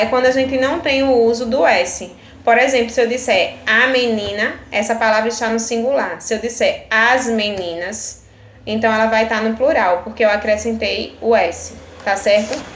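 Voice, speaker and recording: A primary school teacher with a Brazilian Portuguese accent, a woman with a slightly high voice, takes children through their exercises one step at a time. She checks often that they are following. The room has a noticeable echo. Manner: patient, explains step by step, often asks "tá certo?". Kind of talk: recorded video lesson for children. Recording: echoey room with faint ambient noise.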